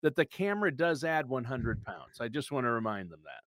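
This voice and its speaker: Brief: fifties male co-host, mid-pitched, dry close sound, chatty and jokey. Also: very animated, brisk, a bit bright, no room sound. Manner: chatty, joking, laughs often. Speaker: podcast co-host. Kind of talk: casual podcast chat.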